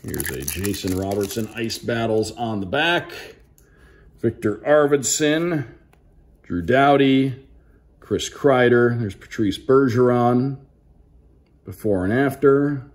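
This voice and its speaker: A hockey play-by-play broadcaster hosts a card unboxing, keeping the commentary casual but upbeat and announcer-like as he calls out names sportscaster-style. His voice is medium in pitch, and he goes slowly with frequent pauses.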